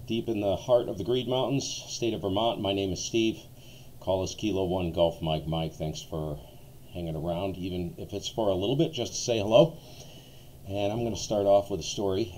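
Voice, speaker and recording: A man's voice: sits low, warm tone, a little hiss or hum. An American man hosting a ham radio stream, chatting casually and telling rambling, jokey stories. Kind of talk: casual storytelling to viewers.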